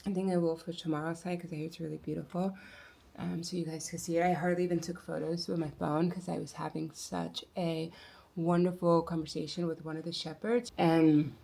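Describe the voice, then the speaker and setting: A woman talking quietly to her camera in a personal vlog, reflective and searching for words, sometimes dropping into quiet asides. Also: deep voice, little pitch movement, brisk, creaky. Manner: soft-spoken, musing, with quiet asides. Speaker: vlogger.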